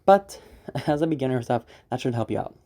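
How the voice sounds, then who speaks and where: Man, mellow voice, rambling voice acting lesson, casual. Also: mid-range voice, lively intonation, a little fast. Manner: rambling, laughs often, restarts. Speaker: voice acting teacher. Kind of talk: casual spoken tutorial.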